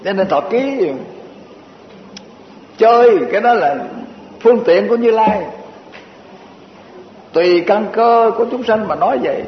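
A man delivers a Buddhist dharma talk in a high, light voice. He speaks in a homely, repetitive way, piling up short lists and slipping in chuckling asides. The recording is muffled, with a long echoing hall reverb and a faint hiss underneath. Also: measured pace, pauses often. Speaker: Buddhist teacher.

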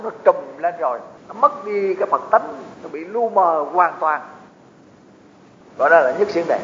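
A man's voice: fairly high pitch, a bit bright. A man giving a Buddhist dharma talk, explaining teachings with folksy asides to his audience. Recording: echoey hall, dull lo-fi with faint noise.

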